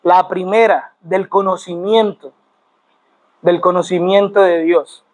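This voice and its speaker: Pastor guy, high voice, teaching a sermon, repeats himself and quizzes the church. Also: steady tone, slow pace, poor audio. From Colombia. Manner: explains words step by step, repeats phrases, asks the congregation questions. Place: church sanctuary.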